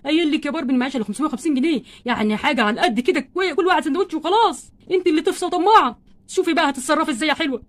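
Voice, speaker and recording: A woman's voice: high voice, close to an everyday voice. A woman with an Egyptian accent voicing a stingy, flustered husband doll in a play, grumbling and complaining about money. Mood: scolding. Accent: Egyptian Arabic. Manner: exasperated grumbling, fast and wordy.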